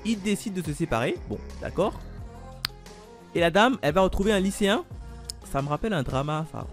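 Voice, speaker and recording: A man's voice: high-pitched, lively intonation, a little fast, soft background music. A man casually going through upcoming manga releases, thinking aloud with lots of fillers as he reads titles off a list. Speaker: manga YouTuber.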